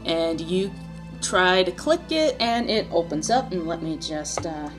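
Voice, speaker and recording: A woman running a tabletop game, narrating scenes casually and haltingly, often stopping to correct herself. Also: fairly low pitch, big pitch swings, music in the background. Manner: halting, self-correcting while describing scenes. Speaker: game master.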